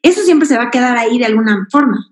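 Woman, high voice, host, personal storytelling, roomy echo. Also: lively intonation, fast talker. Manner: warm personal storytelling with many fillers. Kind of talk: casual chat.

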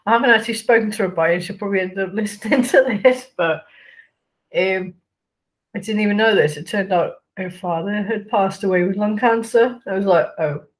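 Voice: medium pitch, brisk. A podcast host leads a casual interview, asking follow-up questions. The host often cuts off mid-phrase and starts again, sounding a little tongue-tied.

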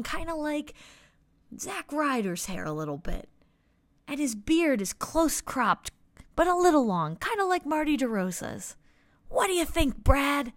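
A woman with a high voice tells a playful picture story aloud. She narrates with animated energy, describing each panel as she goes. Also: dry recording.

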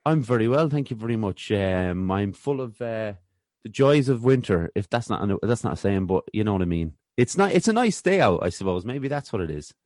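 A man's voice: on the low side, big pitch swings, a little fast, a little mellow, dry recording, clean studio sound. An Irish-accented man hosting a casual podcast interview, talking informally and a little hesitantly as he muses.

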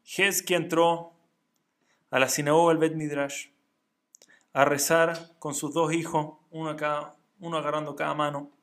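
A man telling a religious moral story in an animated, emphatic way. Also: a little high, normal speed. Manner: animated, emphatic, swinging volume.

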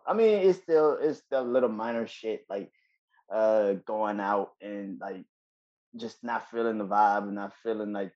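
A man co-hosting a podcast in casual chat, profane and quick to laugh. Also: lowish voice, muffled recording. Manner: profane, laughs a lot, animated when heated. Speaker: podcast co-host.

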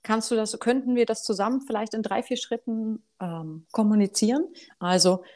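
A woman hosting an interview, friendly and quick to laugh, summing up and asking her guest questions. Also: a little high, mellow. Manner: friendly, laughs often, sums up and asks questions. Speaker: host. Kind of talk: interview host.

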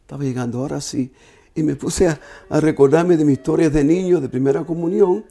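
Man, slightly high voice, earnest and halting, giving an emotional personal testimony. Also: dark tone. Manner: halting, earnest storytelling with repeated restarts. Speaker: speaker sharing a personal testimony.

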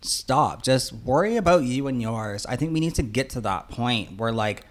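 A man's voice: mid-range voice, animated, normal speed. A man with a lisp and slushy, whistling s sounds, talking casually and earnestly as a podcast co-host. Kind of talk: casual, rambling discussion.

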